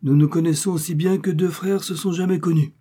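A man's voice: on the high side, steady tone, brisk, mellow, husky, pitched above the performer's own voice. A man reading the part of a determined young male traveler, speaking firmly and insistently.

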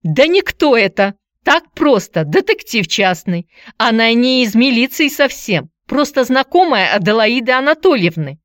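A woman voicing a fussy, protective middle-aged aunt who talks in a shrill, quarrelsome way in an audiobook. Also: very animated, moderate pace, dry recording, studio quality, close to an everyday voice. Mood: shrill angry. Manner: shrill, shouting and rattling words off.

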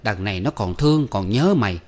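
A man voicing a sharp-tongued, scolding middle-aged village mother who nags her grown son. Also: lowish voice, animated, fairly quick, close to an everyday voice. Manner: nagging, scolding.

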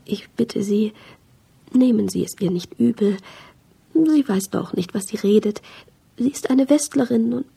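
A woman voicing a timid, ashamed male office worker in a radio play, pleading in a hushed voice. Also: fairly high pitch, a little slow, gravelly, husky, exaggerated voice.

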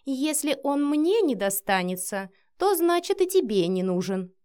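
A woman's voice: a little high, big pitch swings, measured pace, darkish tone. A woman reading the lines of a mocking, provocative young woman with sarcastic, playful taunts. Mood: taunting.

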